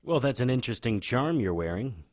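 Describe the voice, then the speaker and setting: Playing a wry, irreverent occult PI in a noir audio drama, this man delivers dialogue and first-person narration in a cocky, probing way. His mid-range voice is expressive, a touch fast and a little mellow, close to how he'd normally talk.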